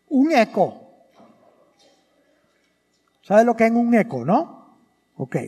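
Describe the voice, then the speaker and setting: Husky-voiced man preaching a sermon. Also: very high-pitched, wildly swooping pitch, extremely slow, pauses often, darkish tone. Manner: repeats key phrases, asks the congregation questions. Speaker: priest. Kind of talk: sermon at Mass. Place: church during Mass. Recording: long reverb of a church hall.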